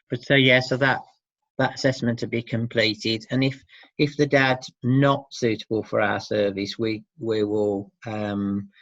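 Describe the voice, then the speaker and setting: A man who works in a support service for dads answers interview questions about his job in an informal, thoughtful and hesitant way. His voice is fairly low, creaky and fairly bright, and the lo-fi recording sounds muffled and roomy.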